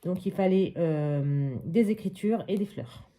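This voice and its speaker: A woman's voice: lowish voice, unhurried, mellow. A woman hosting a casual step-by-step crafting tutorial at her craft table at home, chatting and thinking aloud with many little hops and voilàs.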